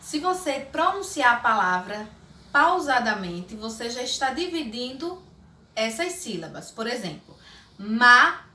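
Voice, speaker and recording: A woman teacher with a Brazilian accent giving a lesson, speaking slowly and spelling words out syllable by syllable. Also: a little high, big pitch swings, pushed and bright. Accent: Brazilian Portuguese. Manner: slow, deliberate, spelling out syllables. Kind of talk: recorded classroom lesson.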